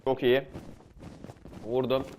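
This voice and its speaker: A young man with a Turkish accent giving rowdy live commentary over a video game, swearing and yelling at the game's creatures. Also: mid-range voice, little pitch movement, slow, slight background noise. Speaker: gaming streamer.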